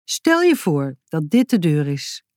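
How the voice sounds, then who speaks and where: A woman's voice: low voice, big pitch swings, a little slow, a little mellow, no room sound, clean studio sound. A woman voicing an earnest, inventive young boy who explains his plans in a storybook reading.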